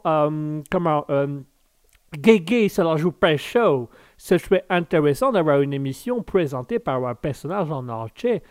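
A man voicing a condescending gentleman in a comic live-show bit. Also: sits high, dry recording, studio quality. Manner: condescending, drawls "mon cher".

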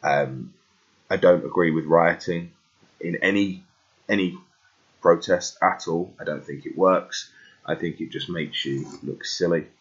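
A British man with a very deep voice hosts a podcast in a casual way. He speaks haltingly, doubling back on phrases. The recording is slightly dull and lo-fi. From United Kingdom. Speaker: podcast host.

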